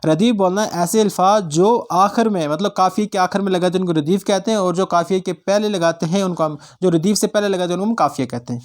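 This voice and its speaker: A man's voice: sits high, fast talker, hardly any pauses. A man teaching an exam-prep grammar lesson, often asking students check questions and repeating definitions for them to memorize. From Jammu and Kashmir. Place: online class channel.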